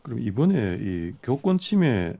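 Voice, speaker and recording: A man's voice: medium pitch, sing-song, measured pace, creaky, warm tone, highs cut off. A man hosting a radio panel debate in a studio, putting questions to guests and keeping them talking with short nods. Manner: inquisitive, draws guests out with short acknowledgements. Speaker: radio debate show host.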